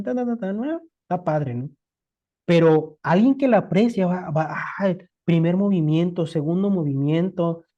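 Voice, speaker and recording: Very dark-voiced Mexican Spanish lecturer. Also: medium pitch. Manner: explains with rhetorical questions and everyday examples. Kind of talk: conversational lecture. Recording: dull lo-fi recording.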